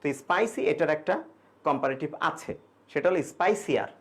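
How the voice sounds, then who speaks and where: Man teaching English grammar, fairly high. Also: expressive, fairly quick, fairly bright tone. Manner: casual, explains in Bengali with English examples; reads student questions aloud and answers them. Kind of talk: online exam-prep grammar class.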